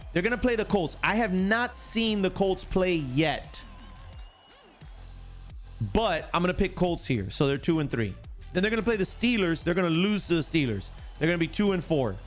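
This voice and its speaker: Man, sports stream host, casual and jokey, slightly high voice, faint background music. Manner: chatty, jokey, reads chat aloud. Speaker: livestream sports show host. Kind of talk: casual live-stream chat.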